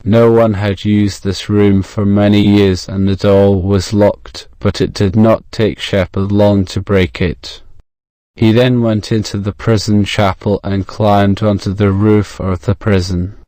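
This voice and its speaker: A man narrates a story in a modern British accent, with a fairly low, crisp voice. His delivery is measured and fairly even, like an audiobook for learners, recorded close and dry. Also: no echo.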